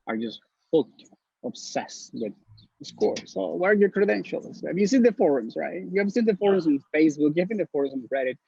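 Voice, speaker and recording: With a little high, lively voice that's gravelly, darkish and slightly rough, a Honduran man talks fairly quickly as a guest in a casual video-call interview. Newly matched as a neurology resident, he offers earnest, blunt advice and often repeats words. The recording is lo-fi, slightly dull and free of echo.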